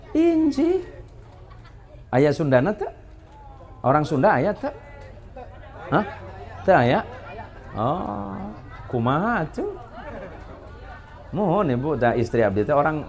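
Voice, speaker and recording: A man's voice: a little high, very animated, slow, long pauses, a faint crowd. A man preaching to a live audience, telling funny stories and joking with listeners before building into emphatic exhortation. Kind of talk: humorous storytelling sermon to a live audience.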